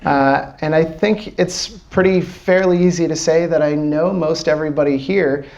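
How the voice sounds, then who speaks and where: This American man from Washington, D.C. speaks at a normal pace in a slightly high, darkish voice, captured with lo-fi sound. A startup founder addressing a small crowd live, he keeps things loose with plenty of fillers and casual cursing.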